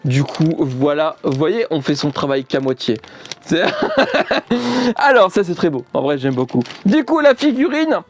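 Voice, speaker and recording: A man's voice: on the high side, very animated, unhurried, slight background noise. A man chatting casually while unboxing gifts on camera, rambling, joking and laughing often. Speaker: YouTuber unboxing a subscription box.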